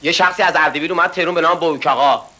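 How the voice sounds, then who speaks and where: Bright high-voiced male comedian. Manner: quick thank-yous between jokes, acts out characters with big pitch jumps. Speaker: stand-up comedian. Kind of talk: stand-up joke telling with put-on voices.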